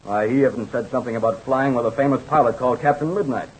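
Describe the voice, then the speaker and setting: An actor plays a helpful young American airman in an old-time radio drama. He is folksy and earnest, with a mid-pitched, slightly rough voice. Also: fast, darkish tone, lightly acted, poor audio. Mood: animated, skeptical. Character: eager, folksy young male pilot, apologetic and helpful.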